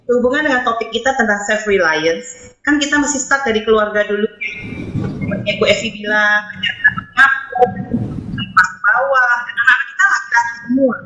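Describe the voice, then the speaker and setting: A woman talks earnestly about faith and family over a choppy video call whose sound keeps glitching and cutting out. Her voice is bright and carries a roomy echo. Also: a little high, brisk, dull audio, slight background noise. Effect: choppy video-call audio that keeps cutting out. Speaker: parent panelist on a webinar. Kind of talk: personal sharing in an online discussion.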